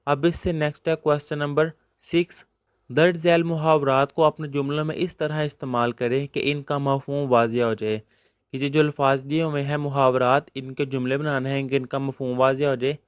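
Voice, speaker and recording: A man with a Pakistani Urdu accent teaches a textbook lesson in a steady middle-pitched voice, reading each question and then its answer. His tone is smooth and resonant, and he mixes English words into his explanations. The recording is close and dry, with no room sound around him. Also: no echo.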